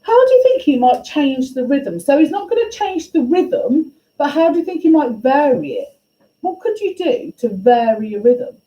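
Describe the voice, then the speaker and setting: A woman's voice: high voice, sing-song, muffled recording. Woman teaching, echoey classroom. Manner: questioning, encouraging, brisk. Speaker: music teacher. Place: school classroom. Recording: echoey classroom, faint ambience.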